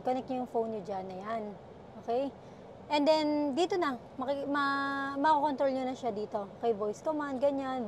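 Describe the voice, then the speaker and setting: A woman's voice: high-pitched, darkish tone, a little hiss or hum. A woman working as a used car salesperson, chatting casually through a car walkaround vlog at a dealership lot and calling her viewers "guys" again and again. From Philippines. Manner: chatty, full of fillers, keeps addressing viewers as guys.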